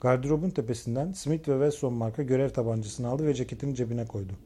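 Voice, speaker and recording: A man reading a crime novel aloud in steady, measured scripted narration. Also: mid-range voice, a little hiss or hum. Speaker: audiobook narrator.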